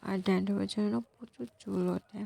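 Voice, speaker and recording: Hoarse, gravelly young woman vlogging softly. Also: level tone, fast talker. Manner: soft, low-volume talk. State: hoarse, voice gone from a cold. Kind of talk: casual vlog talk to viewers.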